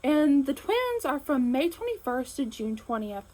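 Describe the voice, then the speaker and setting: Chatty enthusiastic woman host, slightly high. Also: sing-song, a little slow, darkish tone, low-quality recording. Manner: enthusiastic, chatty, frequent fillers. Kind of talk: casual chat to camera.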